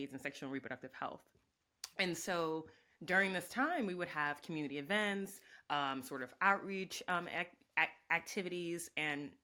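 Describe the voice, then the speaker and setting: Low-voiced, bright-toned woman guest. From Jamaica. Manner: reflective, speaks in lists with many ums. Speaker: guest, professor and organizer. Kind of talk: conversational interview.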